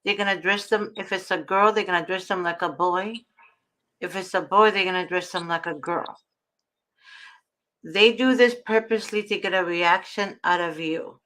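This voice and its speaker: A woman's voice: fairly low pitch, moderate pace, a bit bright. A woman hosting an advice show, talking with effort through toothache after dental work, explaining things in an earnest, emphatic way. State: swollen, sore mouth after a root canal, in pain, talking with effort. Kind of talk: earnest advice talk to viewers.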